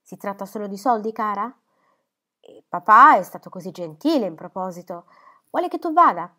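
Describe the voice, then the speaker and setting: A woman voicing a gentle, earnest young woman in a storybook reading, soft and coaxing. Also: medium pitch, expressive, moderate pace.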